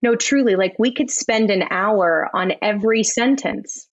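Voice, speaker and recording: A woman's voice: mid-range voice, no echo. A woman co-hosting a podcast, talking in an articulate, reflective and analytical way with psychology vocabulary. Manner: articulate, measured, uses psychology jargon. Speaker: podcast co-host. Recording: slightly dull, dry close recording.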